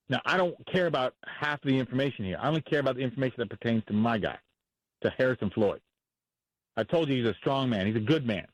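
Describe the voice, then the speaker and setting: A man's voice: mid-range voice, dry recording, rough recording. A man speaking as a defense attorney in a radio interview, blunt and impassioned, repeating himself for emphasis.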